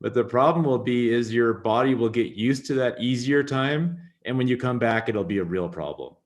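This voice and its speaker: Male moderator, mid pitch, relaxed conversational delivery, chuckles often. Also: moderate pace. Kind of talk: casual discussion.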